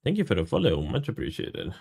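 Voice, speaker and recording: Animated man streaming. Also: fairly low pitch, fast, gravelly, slightly rough. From Serbia. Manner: casual, greets and thanks chat, swears freely. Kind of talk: live game stream commentary.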